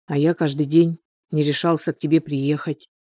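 A woman's voice: low voice, flat delivery, moderate pace, warm tone, dry recording, clean studio sound. A woman voicing a guilt-ridden young man who speaks in a hesitant, subdued way.

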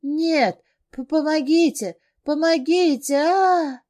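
A woman's voice: a little high, expressive, slow, darkish tone, pitched above the performer's own voice. A woman voicing a terrified young woman in an audiobook, screaming and pleading through tears. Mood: screaming in terror.

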